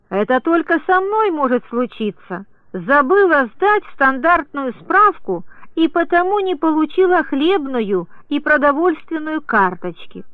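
Female diary reader, high voice, measured delivery, dry tinny radio-style sound. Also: no echo. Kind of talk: audiobook diary reading.

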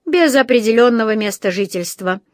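A woman's voice: mid-range voice, steady tone, normal speed, no echo, studio quality, natural voice. Woman reader doing a stern storybook policeman, officious and firm. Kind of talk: storybook reading.

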